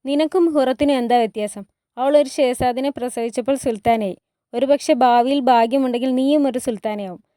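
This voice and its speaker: A calm male palace servant coaxes and persuades, voiced by a woman narrating a storybook retelling without changing her own voice much. The tone is mellow. It is recorded dry and close. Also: high voice, a little fast, no room sound, lightly acted. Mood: coaxing.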